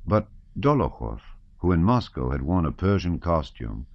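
A man narrating an audiobook in an expressive, varied reading, in a dull lo-fi recording. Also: sits low, moderate pace. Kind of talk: scripted narration.

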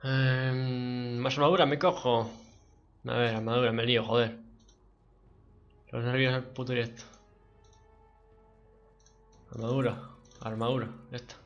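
A man giving live gameplay commentary, excitable and swearing a lot as he talks to his teammates. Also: mid-range voice, measured pace, pauses often, highs cut off, soft background music. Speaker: livestreaming gamer.

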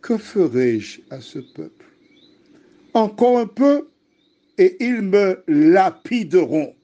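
A weary ancient prophet pleads in exasperation, as a man reading scripture puts him on. The voice is mellow and unhurried. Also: on the high side, sing-song, highs cut off, exaggerated voice. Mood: pleading.

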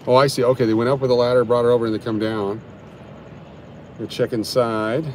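A man chatting casually into a handheld phone as he livestreams from a downtown street, at an ordinary middle pitch. He gives easygoing running commentary and answers viewer comments. Faint traffic noise sits behind his voice. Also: little pitch movement, fairly quick, a little mellow. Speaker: livestream host.

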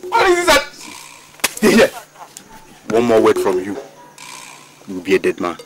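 A young man playing a rough, threatening villager who barks orders in an epic film. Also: fairly low pitch, huge pitch swings, a little slow, slight background noise. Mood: agitated. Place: outdoors in a village compound.

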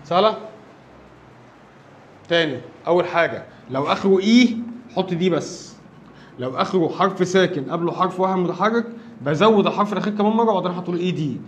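A man with an Egyptian Arabic accent teaches an English grammar lesson, explaining each rule step by step. He talks fast in a fairly high voice. He keeps asking short questions to make sure his students are following. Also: slight background noise. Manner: explains step by step, often checking understanding with quick questions.

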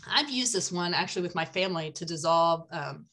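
An older woman's brisk, animated voice sits on the low side with a sharp tone as she guides a casual foraging talk over slides. She is chatty and enthusiastic, using many ums, and speaks from indoors into a webcam on a video call.

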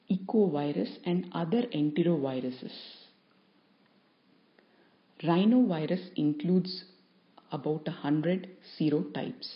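A woman with a notably low voice gives a recorded lecture to students. She speaks in a measured, explanatory way and leans on key terms. The sound is dull and a bit lo-fi.

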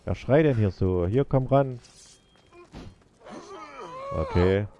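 Let's-play host, man, dark and unhurried voice, mutters to himself and the game. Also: fairly low pitch, expressive, highs cut off, slight background noise. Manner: muttering, talking to the game characters. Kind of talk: casual gameplay commentary.

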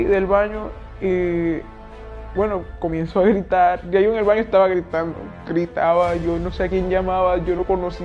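A young woman gives a personal testimony in a quiet, halting way, often stopping to search for words. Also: on the low side. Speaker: interviewee giving testimony. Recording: dull lo-fi audio with faint music.

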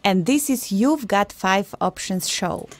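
A woman's voice: mid-range voice, expressive, takes it slowly, dry recording. A young woman co-hosting a live radio show, upbeat and reflective in casual talk. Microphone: studio microphone.

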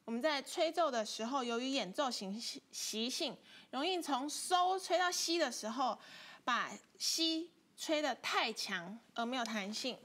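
High-voiced woman teaching a flute lesson. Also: expressive, unhurried, fairly bright tone. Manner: patient, explains step by step. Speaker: music teacher. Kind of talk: online instrument lesson.

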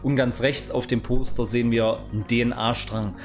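A gaming YouTuber in his thirties presents video game news informally and explanatorily from a small indoor home streaming room, speaking close to a boom-arm studio mic. His mid-range voice has fairly even intonation and a moderate pace, with music underneath.

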